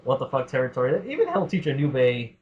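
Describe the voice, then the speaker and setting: A man in the mid range with huge pitch swings talks a little fast as he hosts a casual podcast Q&A. Reading out listener questions, he rambles, laughs often and swears. The sound is dull and lo-fi.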